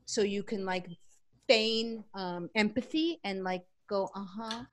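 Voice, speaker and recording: A woman being interviewed as a guest, talking bluntly and animatedly with quick asides. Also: mid-range voice. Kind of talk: casual conversational interview.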